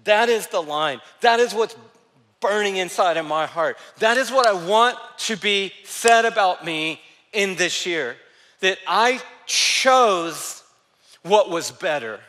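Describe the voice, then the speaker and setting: A man preaching a sermon as a pastor, telling a story with lively energy and going soft and slow for quoted lines. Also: high-pitched, long reverb tail.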